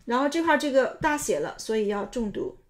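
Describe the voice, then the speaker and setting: A woman's voice: high voice, expressive, fast. Methodical woman pronunciation instructor. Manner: methodical, explains step by step. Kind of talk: explanatory lesson narration.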